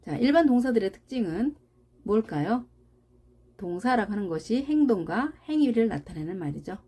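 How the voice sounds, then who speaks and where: A woman teaching an English grammar lesson, explaining patiently and slowly repeating example words for practice. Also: medium pitch, big pitch swings, dark tone, breathy edge. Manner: slow, deliberate, repeats example words for drilling; explains patiently with rhetorical questions.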